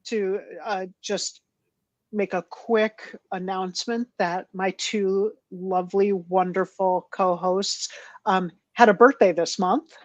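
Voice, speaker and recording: A woman in her fifties co-hosting a podcast in casual chat, chatty, laughing often and filling pauses with ums. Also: medium pitch, fairly even intonation, dry recording, lo-fi sound. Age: 50s. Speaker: podcast co-host.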